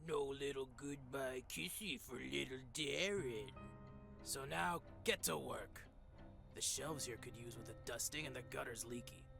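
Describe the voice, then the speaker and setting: An actor playing a cranky, sleazy shop boss in a video game, barking orders with contempt. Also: male voice, mid-range voice, unhurried, gravelly. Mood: gruff. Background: game music.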